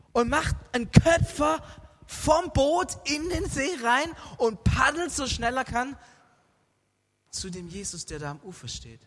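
A man telling a Bible story to a group in a lively, dramatic way, asking his listeners questions. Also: very high-pitched, breathy edge, big-room sound.

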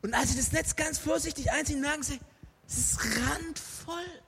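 A man telling a Bible story to a group in a lively, dramatic way, asking his listeners questions. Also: very high-pitched, moderate pace, gravelly, big-room sound, a little hiss or hum.

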